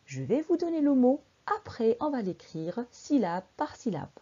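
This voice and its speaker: A woman teacher drilling young children through a dictation lesson, sounding out syllables slowly and exaggeratedly and quizzing the class with encouraging questions. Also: on the high side, sing-song, mellow, husky, dull audio.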